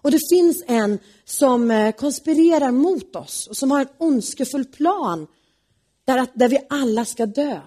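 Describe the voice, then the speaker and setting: Woman voicing an earnest young queen, pleading, slow, husky. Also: sits high, animated, dark tone.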